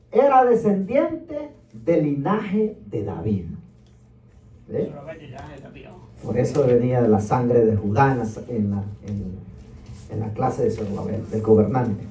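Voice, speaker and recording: A man's voice: mid-range voice, dark tone. A man teaching a Bible class as pastor, calling on listeners to repeat words and tagging lines with questions, heard from a distance in an echoey room. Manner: keeps asking listeners to repeat words after him; tags lines with rhetorical "¿verdad?" and "amén". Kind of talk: Bible teaching with call-and-response. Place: church meeting room. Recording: echoey room, voice far from the mic.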